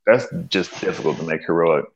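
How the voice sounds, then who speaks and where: A man with a very deep voice talking slowly about a game, pausing on fillers as he picks his words. His sound comes through a dull, lo-fi mic. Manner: measured, hesitant, uses fillers. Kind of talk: casual gaming chat. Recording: muffled lo-fi mic.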